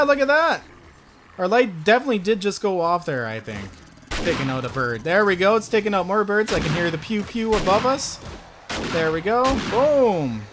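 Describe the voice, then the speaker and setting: A man hosting a gaming video, giving excited gameplay commentary full of exclamations and talking straight to his viewers. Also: high voice. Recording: loud gunfire and game noise behind.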